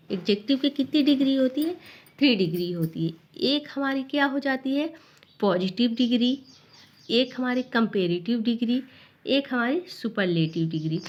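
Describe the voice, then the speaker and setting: A woman's voice: a little high, a little mellow. A woman teaching a grammar lesson to students, explaining step by step and asking and answering her own questions.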